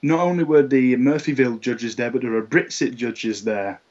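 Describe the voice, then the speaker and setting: A man's voice: mid-range voice, normal speed, a little mellow, lo-fi sound. A man talking casually on a podcast, hesitant, with many fillers and restarts. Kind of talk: casual comics discussion.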